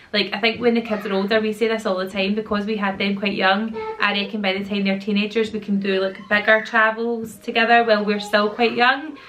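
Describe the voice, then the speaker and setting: Her voice is mid-range and a bit bright, with a little hiss or hum in the audio. She's a Glaswegian YouTuber and mum in her thirties, chatting casually and slangily to camera at home among her children, rambling with a slightly sore throat.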